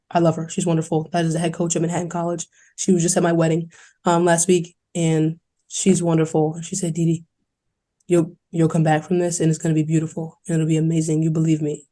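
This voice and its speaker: Young woman, from New York City, earnest and candid, even pitch, warm mellow tone, interview guest. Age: young adult. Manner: earnest, fast-flowing, quoting others in lively voices. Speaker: college basketball player, podcast guest.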